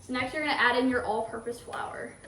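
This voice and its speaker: High, bright-voiced woman demonstrating a recipe. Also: fairly even intonation, quick pace, recorded from a distance. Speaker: cooking show presenter. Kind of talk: cooking demonstration. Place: indoor kitchen. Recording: echoey kitchen, off-mic, faint noise.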